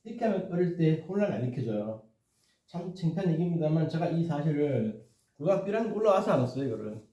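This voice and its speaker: A man's voice: a little high, sing-song, quick pace, warm tone. A man tutoring math in a casual, rambling way, often checking in with his listeners and poking fun at himself. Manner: rambling, self-deprecating, repeats "이렇게" and "그죠?". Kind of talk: casual explanatory lesson. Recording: echoey, dull, distant mic.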